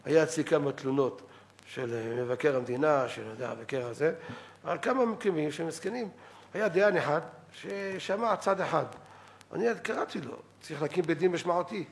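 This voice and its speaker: Middle-aged male rabbi, lecture style, slightly high pitch, lively, quotes others in acted voices. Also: creaky. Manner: animated, quotes others in acted voices, repeats words for emphasis. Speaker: rabbi giving a weekly Torah lecture. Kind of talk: Saturday-night halachic lecture.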